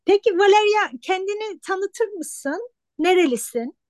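A woman's voice: very high-pitched, animated, slow pace, a little mellow, no room sound, studio quality. A woman hosting a casual interview, asking her guest questions. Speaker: host, interviewer.

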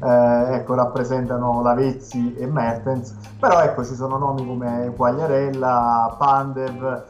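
A man talks football in a halting, filler-laden way. His voice comes across roomy and a little dull, with faint music in the background. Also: medium pitch. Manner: hesitant, many fillers, animated when excited. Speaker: co-host of a football show. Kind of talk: casual chat about football. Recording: roomy, slightly dull sound.

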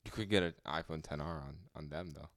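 A man's voice: extremely low pitch, fast. A man co-hosting a casual podcast, trading laid-back, dry banter. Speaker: podcast co-host. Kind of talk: casual chat.

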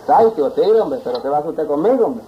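A man's voice: on the high side, sing-song, fast, a little hiss or hum. A man voicing a sly male trickster rabbit that pleads and keeps saying "hombre", on a dull lo-fi 1960s field tape. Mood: pleading. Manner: wheedling, repeats "hombre".

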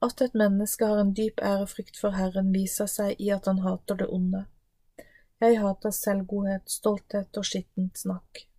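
A woman's voice: medium pitch, little pitch movement, dark tone, dry recording, lightly acted. A woman reading as Wisdom, solemn and ancient. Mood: proclaiming. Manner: solemn, declaiming. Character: personified Wisdom, female, ancient, proclaiming. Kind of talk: scripted Bible reading.

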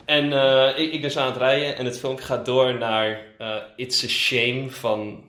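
Young man telling a lively story, echoey room. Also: mid-range voice, unhurried. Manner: animated storyteller, laughs often, acts out quotes. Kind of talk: casual storytelling chat.

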